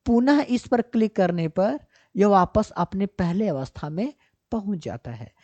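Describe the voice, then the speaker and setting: A woman computer teacher, animated and medium-pitched, takes a measured pace through a step-by-step software lesson recorded on screen. She repeats points, answers questions she asks herself, and regularly checks with "ठीक ना". The audio comes across a little dull and lo-fi.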